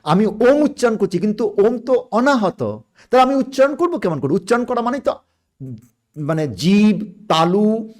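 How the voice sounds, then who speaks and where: A man speaking as a guest on a podcast, explaining spiritual ideas in a measured way and pausing to search for words. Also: high voice, expressive.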